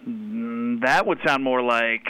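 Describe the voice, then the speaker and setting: A man plays a self-important, eccentric doctor of laughter in scripted radio comedy. His voice sits a little high and is bright, with lively swings of pitch. He sounds mock-pompous. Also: no room sound, low-quality recording. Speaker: comic expert guest on radio.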